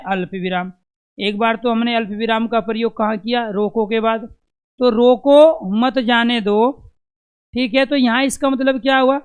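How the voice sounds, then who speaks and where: A man's voice: extremely high pitch, clean tone. A man teaching an exam-prep lesson, who asks questions and answers them himself and repeats the key terms to drill them in.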